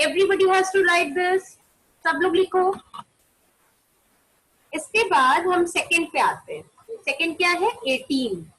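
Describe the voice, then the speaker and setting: In a rough recording of an online maths class, a high-voiced primary teacher speaks slowly and animatedly, with long pauses and a slightly bright tone. Switching between Hindi and English, she poses questions to pupils only to answer them herself, and calls pupils by name to turn on their cameras.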